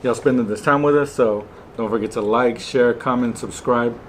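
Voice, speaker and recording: A man speaks in an easygoing, slangy way, mixing jokes with sincere encouragement. His pitch is in a middle range for a man. Faint noise sits behind him. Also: moderate pace. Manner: laid-back, joking, uses slang. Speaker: vlog co-host. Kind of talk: casual chat while eating.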